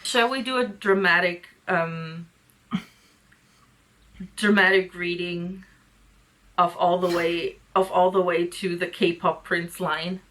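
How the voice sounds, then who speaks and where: A woman's voice: on the low side, steady tone, slow, pauses often, a bit bright. A woman hosting a casual book breakdown, giving sarcastic, exasperated commentary. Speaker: host.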